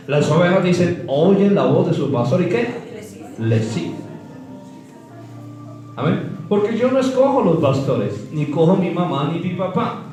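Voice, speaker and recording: Guy preaching, high lively voice, booming church echo from far off, faint music behind. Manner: call-and-response questions to the congregation; animated, swooping emphasis. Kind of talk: sermon. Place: church hall.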